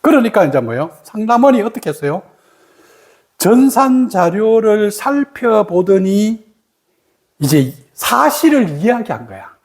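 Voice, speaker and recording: A middle-aged meditation teacher gives a dharma talk in a mid-pitched voice whose intonation rises and falls widely. The teacher tells stories with animation and keeps turning to the listeners with rhetorical questions. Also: very animated, a little slow, darkish tone.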